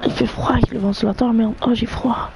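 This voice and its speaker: Excitable gamer. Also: medium pitch, gravelly, background noise. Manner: excitable, cheering teammates on rapidly; sprinkles in English gaming slang and swearing. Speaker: gamer playing with friends. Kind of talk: live gameplay chatter.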